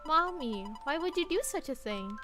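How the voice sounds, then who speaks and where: A woman's voice: high-pitched, expressive, normal speed, music in the background. A woman voicing a caring, earnest young granddaughter, speaking in a pleading, heartfelt way. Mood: bewildered.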